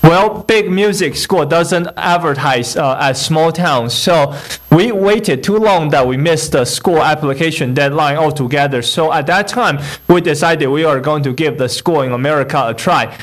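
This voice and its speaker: A young man from Taiwan with a Taiwanese accent sharing his personal testimony at a church service, halting with fillers and restarts and a touch of humor. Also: a little high. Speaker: guest speaker.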